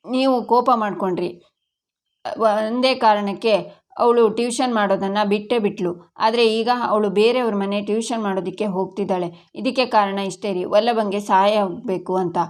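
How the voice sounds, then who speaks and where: A woman's voice: mid-range voice, fairly even intonation, normal speed, lightly acted. A woman voicing a middle-aged mother-in-law who argues and reproaches her husband. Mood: reproachful. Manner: reproachful, arguing.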